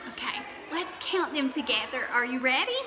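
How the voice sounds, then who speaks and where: A woman's voice: high-pitched, expressive, moderate pace, background noise. A woman kindergarten teacher teaching young children to count, speaking to them directly and encouragingly. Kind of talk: children's counting lesson, addressing pupils directly. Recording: echoey, reverberant room.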